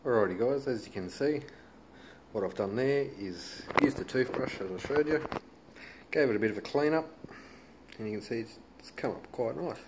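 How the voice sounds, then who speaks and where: On a noisy handheld home video, an Australian man demonstrates a hobby with relaxed, colloquial how-to commentary while working hands-on. He speaks at medium pitch and a normal speed.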